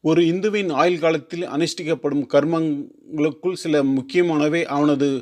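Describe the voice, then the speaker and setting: Man slowly reading a formal religious text. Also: fairly high pitch, fairly even intonation. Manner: slow, careful formal reading with restarts on long words. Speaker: teacher.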